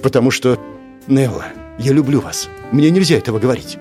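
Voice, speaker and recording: A man's voice: mid-range voice, expressive, fairly quick, warm tone, soft background music, lightly acted. A man voicing an earnest, anxious young prince who pleads and confesses. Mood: pleading.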